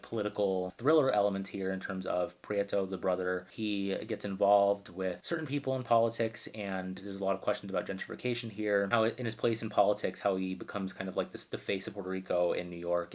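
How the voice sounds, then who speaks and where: Man, very low voice, casual book review, rambling asides, from arizona. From Arizona, United States. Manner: chatty, full of "like" and asides.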